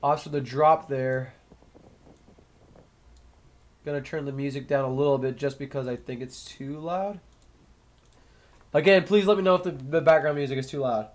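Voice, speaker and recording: He's a young sports commentator whose medium-pitched voice sounds a bit nasal and stuffy because of a cold. With a steady tone and fairly quick delivery, he calls the match play by play on his own, casually reflecting between points.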